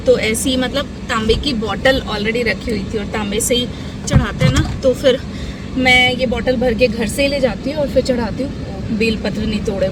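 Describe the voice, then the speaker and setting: A young woman talks her viewers through her morning at home in a chatty, easy way. Her voice sits high and bright. The home recording is noisy throughout. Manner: chatty, switching to sing-song baby talk with her toddler. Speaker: vlogger. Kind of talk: casual home vlog chat.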